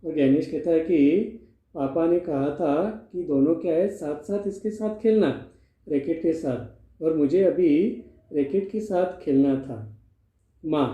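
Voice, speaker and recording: A man's voice: fairly high pitch, a little slow, warm tone. A male teacher explaining a play line by line in a classroom lesson, asking and answering his own questions. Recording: echoey room, phone-like sound.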